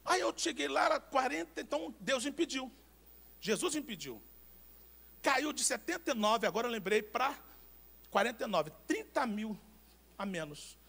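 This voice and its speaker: A Brazilian man preaching a sermon as pastor, telling personal anecdotes in an animated, emphatic way with repeated words. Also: very high voice, normal speed, gravelly, long pauses. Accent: Brazilian Portuguese.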